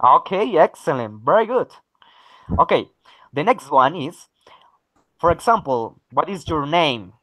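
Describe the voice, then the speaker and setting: A man's voice: a little high, very animated, a little slow, long pauses, fairly bright tone, no room sound, rough recording. A man, teaching a basic English lesson and often saying okay and very good. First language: Spanish. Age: 30s. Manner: encouraging, repeats okay and very good.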